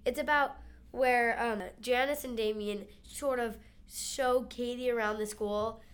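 A young woman with a fairly high voice co-hosts a theater segment. She reads from notes in a plain, announcing way. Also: fairly even intonation, a little slow, clean tone. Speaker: musical theater segment co-host. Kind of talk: semi-scripted segment presenting.

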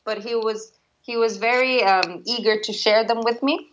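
A woman in her thirties, a musician and former teacher, answers questions in a conversational interview, hesitating and restarting often. Her voice is on the high side and a bit bright, with fairly even intonation and a moderate pace. The recording is dull and lo-fi with faint noise.

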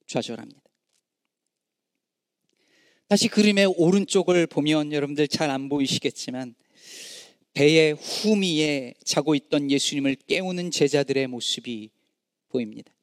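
A middle-aged man preaching a sermon, swinging from impassioned rising cries to hushed, low endings. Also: no room sound, clean studio sound, in a large hall. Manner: dramatic rises and hushed drops, voicing anguished cries to God. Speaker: pastor.

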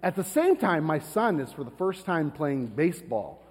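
A man from Florida preaches with a husky voice in a relaxed, story-driven way. His pitch swings up and down a lot, and the sound carries a long reverb off the church sanctuary. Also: moderate pace. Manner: conversational, storytelling, self-deprecating asides. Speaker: pastor. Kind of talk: sermon.

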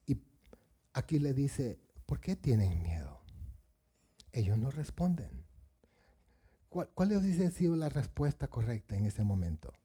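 Husky-voiced man preaching a sermon. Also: mid-range voice, very animated, measured pace, long pauses, warm tone. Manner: asks the congregation questions, acts out Bible voices.

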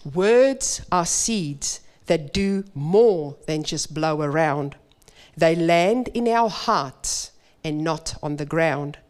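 A woman preaches a sermon in church in Afrikaans, speaking very slowly and with emphasis. Her smooth, clear voice sits a little low for a woman and is expressive and a little mellow, with an earnest, measured delivery.

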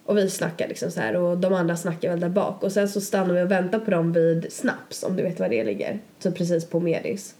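Brief: young woman, mellow tone, chatty rambling storyteller. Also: fairly low pitch, hardly any pauses. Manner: rambling, lots of fillers and quoted asides. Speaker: podcast co-host. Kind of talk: casual storytelling chat.

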